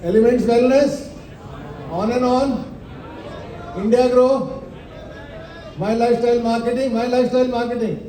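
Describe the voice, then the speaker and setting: A man's voice: very high voice, steady tone, dark tone. Emphatic male seminar presenter. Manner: emphatic, quizzes the audience with rhetorical questions; repeats slogans slowly for effect. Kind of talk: motivational business presentation. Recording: echoey hall, mic at a distance.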